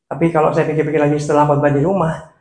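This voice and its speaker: A man with a touch teaches beginners how to preach in a lively workshop style, talking very fast. This preaching trainer swings his pitch up and down and laughs often, and the recording has echoey room sound.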